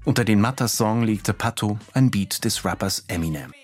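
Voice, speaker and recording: A man hosting a radio feature, speaking in calm, measured scripted narration. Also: fairly low pitch, faint music behind. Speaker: radio host. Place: home office.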